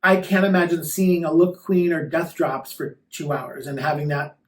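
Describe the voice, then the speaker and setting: A male drag queen answers questions in a casual, campy, sassy way. His voice sits somewhat high. The sound is roomy and echoing, with the microphone some distance away. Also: normal speed. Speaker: drag queen performer being interviewed. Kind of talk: casual interview chat.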